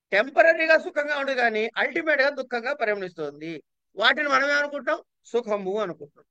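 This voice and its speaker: A male teacher lectures on yoga philosophy with a high, ringing voice. He keeps asking his listeners questions and then answering them himself, with a lively delivery. The sound is close and dry. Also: no echo, dull audio. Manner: asks and answers his own rhetorical questions; lively, acts out everyday voices in quotes. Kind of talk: classroom lecture.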